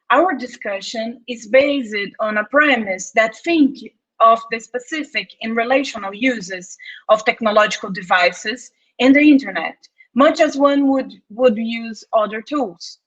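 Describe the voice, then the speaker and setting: A Brazilian anthropologist in her thirties, a postdoctoral researcher, reads an academic conference talk carefully and in a measured way from her home office, with a Brazilian Portuguese accent. Her voice is fairly high and a bit bright. The video recording is muffled and lo-fi.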